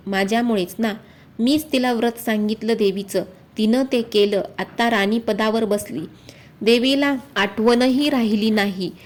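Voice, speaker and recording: A woman voicing a poor, bitter old woman in a devotional folk tale, speaking slowly and quietly. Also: medium pitch, lightly acted. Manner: slow, quiet, coughing now and then.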